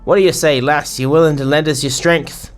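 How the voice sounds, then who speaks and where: A man's voice: a little high, fairly even intonation, fairly quick, faint music behind, voice pushed up, natural voice. A man voicing a boisterous, bawdy male sailor innkeeper in a put-on English pirate accent, full of salty slang. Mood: jovial. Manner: salty slang, rambling banter.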